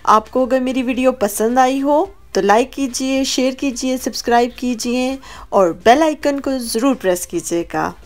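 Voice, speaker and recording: With a high voice at a normal speed, this Pakistani vlogger strolls through UK supermarket aisles and streets. She keeps her grocery shopping narration casual, showing viewers the items as she goes.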